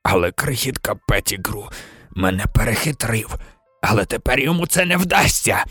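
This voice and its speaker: A man voicing a hoarse, vengeful middle-aged escaped prisoner in a low, menacing half-whisper. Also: big pitch swings, moderate pace, bright, forceful tone, no echo, faint music behind, heavily acted. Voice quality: hoarse, rasping.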